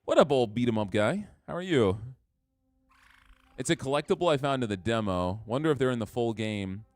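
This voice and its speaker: A man giving excitable, jokey commentary while playing a game on a live stream. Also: mid-range voice, moderate pace, dry recording. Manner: excitable, jokey trash talk.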